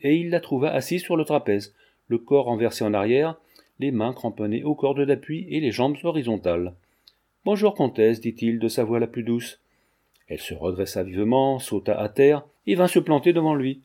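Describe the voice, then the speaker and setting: A male audiobook narrator who reads a novel in a measured, even way. His voice is warm and mellow, at a middle pitch for a man. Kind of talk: scripted narration.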